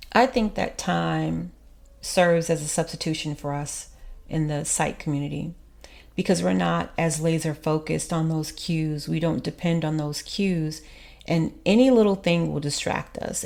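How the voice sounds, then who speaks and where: A woman hosting a faith podcast, speaking in an earnest, measured, preacherly way. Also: low-pitched, creaky, darkish tone. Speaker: podcast host. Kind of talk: reflective faith podcast monologue.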